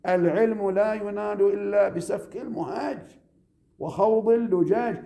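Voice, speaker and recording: A man, a cleric lecturing seminary students, emphatic and repetitive, slowing down to stress his points and asking rhetorical questions. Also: sits high, creaky, warm tone. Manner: slows down to stress key phrases.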